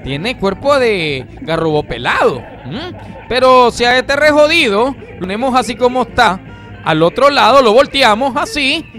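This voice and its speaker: A Nicaraguan man gives teasing, mocking comedy commentary. His voice is very high and bright and swings widely in pitch. Faint music plays behind. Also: animated, unhurried. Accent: Nicaraguan Spanish. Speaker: comedy radio performer.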